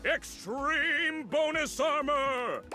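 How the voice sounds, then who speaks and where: A man's voice: extremely high pitch, animated, very slow, over music, heavily acted. An actor playing a cheerful armored loot-box salesman in a video game, using an upbeat customer service voice. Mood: excited sales pitch. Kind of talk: video game character acting.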